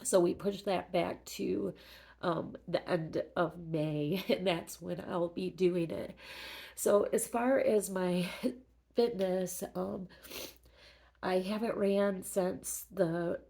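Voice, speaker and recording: A middle-aged woman talking casually in a personal vlog update, halting and reflective, sounding emotional as after crying. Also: on the low side, fairly even intonation, gravelly, warm tone. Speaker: fitness vlogger.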